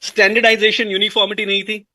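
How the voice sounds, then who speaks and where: A man's voice: high-pitched, flat delivery, fast, bright, forceful tone, no room sound. A man explaining a business plan in an interview, mixing in English and repeating phrases for emphasis. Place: indoors at a dining table.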